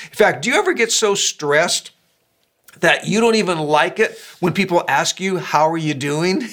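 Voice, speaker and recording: An older man, a pastor, preaching a sermon in a conversational, animated way with quick asides. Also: a little high.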